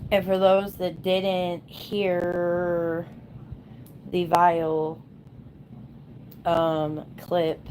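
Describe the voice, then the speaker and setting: A woman's voice: on the low side, flat delivery, very slow, pauses often, a little mellow, a little hiss or hum, low-quality recording. A woman in her thirties ranting bluntly and sarcastically to her livestream viewers in casual chat. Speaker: livestream host.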